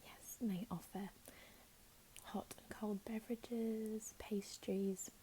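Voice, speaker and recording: A woman playing a helpful, chatty librarian in a whispered role-play, speaking in a gentle, unhurried library whisper. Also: medium pitch, steady tone, slight background noise, natural voice, poor audio. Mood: helpful, soothing. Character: helpful, chatty female librarian signing up a patron.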